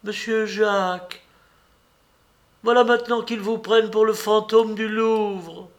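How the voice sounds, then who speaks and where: A man voicing an excitable older female cook who gossips breathlessly, her lines jumping high and loud. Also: takes it slowly. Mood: alarmed. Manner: shrill, flustered outbursts. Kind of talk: audiobook character reading.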